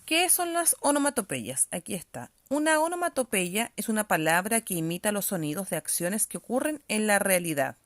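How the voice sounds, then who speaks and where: A woman's voice: mid-range voice, very animated, normal speed, few pauses, no room sound. A woman teacher giving a reading-comprehension lesson, explaining patiently and often checking that pupils follow.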